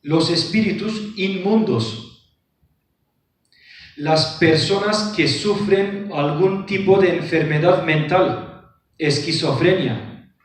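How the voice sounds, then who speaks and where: A man's voice: sits high, slow pace, long pauses, distant mic. Man lecturing in a very echoey hall. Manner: reads verses aloud, explains with rhetorical questions. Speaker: book presenter. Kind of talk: lecture on scripture. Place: lecture room.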